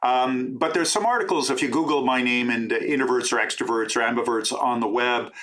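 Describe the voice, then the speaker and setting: Answering an interviewer's questions, this Canadian man, a middle-aged professor and author, speaks with a fairly bright, mid-range voice. He talks a lot, sounds enthusiastic and keeps dropping quick asides.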